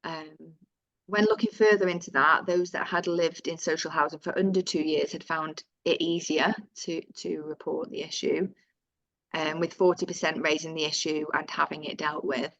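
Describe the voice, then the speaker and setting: A woman's voice: deep voice, fairly even intonation, normal speed, fairly bright tone, no echo, lo-fi sound. A woman with a Northern English accent presenting survey findings in a webinar, reading out figures with fillers and self-corrections.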